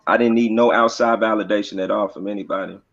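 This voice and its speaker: Guesting on a casual podcast interview, a rapper speaks quickly with a fairly low, steady, creaky voice. The recording is muffled, and his delivery is easygoing and profane with plenty of fillers.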